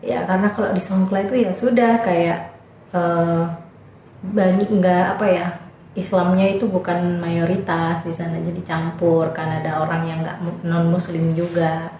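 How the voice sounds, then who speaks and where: A woman's voice: lowish voice, little pitch movement, normal speed, warm tone. A young woman, a volunteer teacher, telling her experiences in a casual, chatty podcast interview. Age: young adult. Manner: chatty, many fillers, acts out students' voices. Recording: very echoey room with faint noise.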